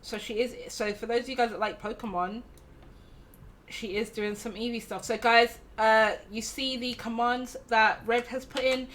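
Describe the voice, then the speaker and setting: A woman's voice: on the high side, fairly even intonation, moderate pace, a bit bright, a little hiss or hum. A woman hosting a casual stream, chatty, teasing and affectionate, laughing often. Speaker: streamer host.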